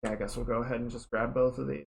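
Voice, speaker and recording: A woman's voice: rumbling low, rapid-fire, gravelly. A woman art streamer chatting casually and muttering to herself while she draws. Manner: relaxed, mutters while working. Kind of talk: casual chat while drawing.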